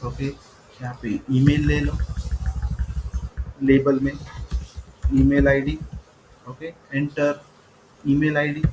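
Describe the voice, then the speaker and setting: A man's voice: medium pitch, completely flat delivery, slow pace, pauses often, darkish tone, slight background noise, rough recording. A man teaching a coding tutorial, mixing Hindi and English, saying "okay" often and spelling words out letter by letter. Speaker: coding instructor. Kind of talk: screen-recorded coding tutorial.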